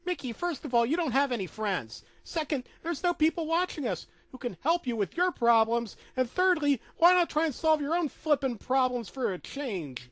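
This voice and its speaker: A man's voice: very high voice, big pitch swings, normal speed, few pauses, fairly bright tone, no room sound, voice pushed up, exaggerated voice. A man voicing a cartoon mouse wife, lecturing her husband in a raised, exasperated voice. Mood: scolding. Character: nagging scolding female cartoon mouse wife.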